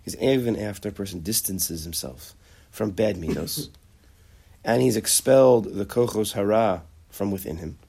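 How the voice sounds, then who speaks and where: A man's voice: on the low side, moderate pace, vocal fry, warm tone, husky. A man teaching a conversational lecture on character traits, acting out bits of dialogue and often restarting his sentences. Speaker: Torah teacher.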